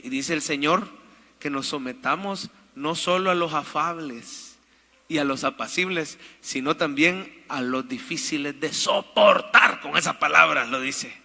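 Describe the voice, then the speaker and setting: Pastor preaching loud, high bright voice, long echo in the church. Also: male voice, gravelly. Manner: emphatic, calls for amens from the congregation. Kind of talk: sermon.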